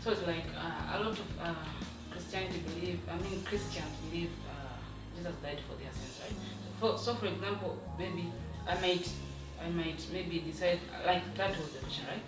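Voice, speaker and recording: A woman's voice: lowish voice, normal speed. A woman from Tanzania, a guest in a casual discussion, talking hesitantly and thinking aloud. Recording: echoey room, distant voice, music behind.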